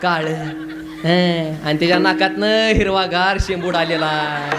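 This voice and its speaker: A man giving a humorous devotional sermon to children, bantering and coaxing them to shout back. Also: high voice, fairly even intonation, measured pace, over loud music. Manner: bantering call-and-response, coaxing the crowd to shout. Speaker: kirtan preacher.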